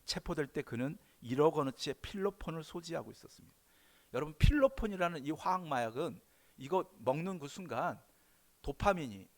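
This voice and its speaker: A male pastor preaching a sermon in an animated way, swinging between loud emphatic bursts and quiet asides. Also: fairly high pitch.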